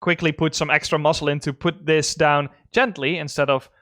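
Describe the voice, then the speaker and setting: A man's voice: on the high side, fairly quick, no room sound, clean studio sound. A man running a tabletop game as game master, narrating loosely with fillers and frequent laughs. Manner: relaxed, laughing often, filler-heavy narration.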